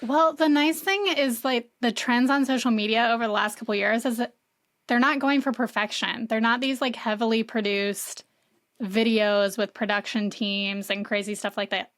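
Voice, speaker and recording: A woman's voice: a little high, fairly even intonation, moderate pace, a bit bright, no echo, clean studio sound. A woman guest on a podcast, explaining marketing casually with many "like" fillers. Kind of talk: conversational interview.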